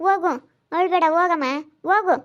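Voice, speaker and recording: A woman's voice: very high-pitched, steady tone, brisk, dull audio, voice pushed up. A woman voicing a bossy but caring older female relative who keeps repeating firm orders, with a rural Chitradurga Kannada accent. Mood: soothing. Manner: firm, insistent, repeats commands.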